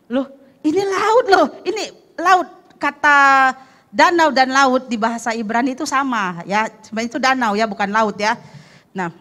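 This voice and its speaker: A woman pastor preaching a lively sermon, acting out the story and putting questions to the congregation. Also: high voice. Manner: animated, acts out the story and asks the congregation questions. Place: church service.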